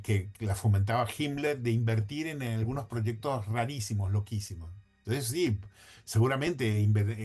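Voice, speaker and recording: Male guest, mid-range pitch, chatty and hedging, talks in loose sentences with many restarts. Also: a little mellow. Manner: thinks aloud, frequent restarts and self-corrections; hedging, conversational. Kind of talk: casual podcast conversation.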